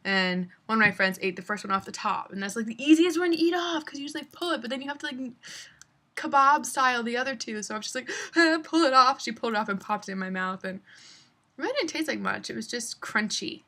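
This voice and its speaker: A woman's voice: fairly high pitch, animated, fast, fairly bright tone. A young adult woman chatting through a casual travel story, full of fillers. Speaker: vlogger.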